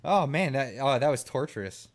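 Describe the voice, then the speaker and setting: A man's voice: medium pitch, lively intonation, moderate pace. A man co-hosting a live stream show, teasing and laughing through casual banter.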